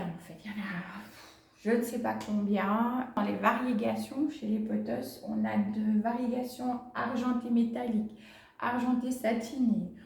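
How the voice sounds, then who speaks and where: A woman chatting casually to camera as she shows her houseplants at home, hesitant with many fillers and quick to laugh. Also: fairly high pitch, vocal fry, darkish tone, reverberant, poor audio. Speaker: plant vlogger, channel host. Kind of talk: casual chat to camera, showing plants. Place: home, indoors.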